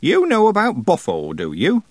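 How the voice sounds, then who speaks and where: A man voicing an old blind witch woman who gives sharp, imperious orders. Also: high-pitched, huge pitch swings, moderate pace, dry recording, voice pushed up, exaggerated voice. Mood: stern. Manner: imperious, snapping.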